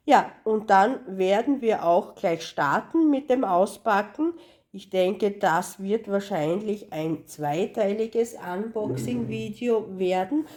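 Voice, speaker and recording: Casting: hoarse, congested woman host with a cold, low-ish voice, slow unhurried delivery for a casual craft haul. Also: darkish tone. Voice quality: husky, congested. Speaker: cross-stitch channel host. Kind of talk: casual unboxing vlog.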